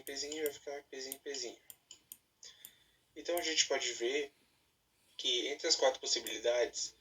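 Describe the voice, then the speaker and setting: A teenage boy slowly spelling out each step of a genetics problem. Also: mid-range voice, sharp tone, slightly rough, far from the mic, low-quality recording. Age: late teens. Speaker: student explaining a genetics problem.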